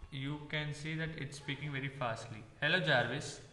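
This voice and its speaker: Man, coding instructor, halting with fillers, bright voice, echoey room. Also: on the high side. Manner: halting, with many "uh" fillers while explaining. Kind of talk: screen-recorded coding tutorial. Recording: echoey room with long reverb.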